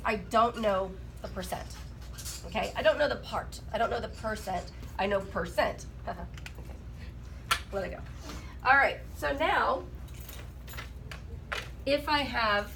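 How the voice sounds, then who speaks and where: A woman's voice: a little high, creaky, fairly bright tone, slight background noise, low-quality recording. A woman teaching a math class while sick. She asks her students questions and jokes with them. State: sick, rough voice. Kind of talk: classroom lesson.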